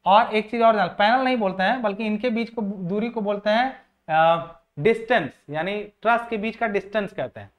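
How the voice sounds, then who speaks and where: A man's voice: high-pitched, normal speed. A man teaching civil engineering for exams, walking through diagrams in an informal way, asking rhetorical questions and repeating key points. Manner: informal, addresses viewers as friends. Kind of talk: exam-prep lecture explaining diagrams.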